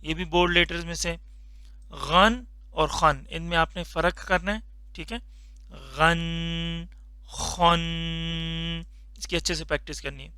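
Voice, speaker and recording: A man teaching a Quran reading lesson, slowly drawing out each letter sound for learners to repeat, patient and instructive. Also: on the high side, steady tone, sharp tone, no echo. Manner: slow drawn-out recitation of letter sounds for repetition. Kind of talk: Noorani Qaida tajweed lesson.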